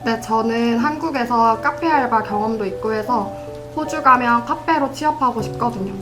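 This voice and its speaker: A woman's voice: fairly high pitch, moderate pace, music in the background, natural voice, low-quality recording. A woman in her twenties voicing a hopeful young student asking for job advice, eager but a little unsure. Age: 20s.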